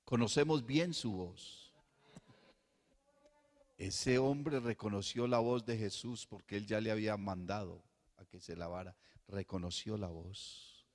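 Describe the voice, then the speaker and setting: A male pastor preaching a sermon, swinging between soft hushed passages and loud fervent bursts, with rhetorical repetition. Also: on the low side, unhurried. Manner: rhetorical repetition and calls of "hermano". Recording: long hall reverb.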